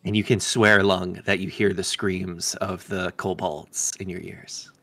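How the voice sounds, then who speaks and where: A man's voice: low voice, little pitch movement, measured pace, vocal fry, pushed and bright. A man playing a tabletop game, casually narrating what his character does. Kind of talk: casual role-play narration.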